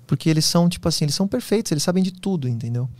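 A man being interviewed as a guest on a podcast, telling personal stories in an animated, casual way. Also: fairly high pitch, dry recording. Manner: fast, animated storytelling.

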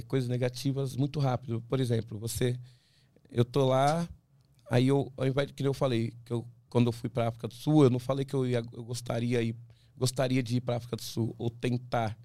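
A man, an ultramarathon runner from Brazil, talking as a podcast guest, animated and full of restarts, acting out what others say. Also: medium pitch, normal speed, no room sound. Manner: animated storyteller, many restarts, acts out quoted voices. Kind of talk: casual interview talk.

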